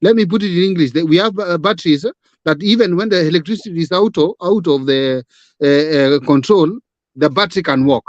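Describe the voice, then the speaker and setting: A man's voice: a little high, fairly quick, no echo, muffled recording. A Kenyan man talking politics as a guest, emphatic and full of rhetorical questions, switching between English and Swahili. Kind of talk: live-stream political chat.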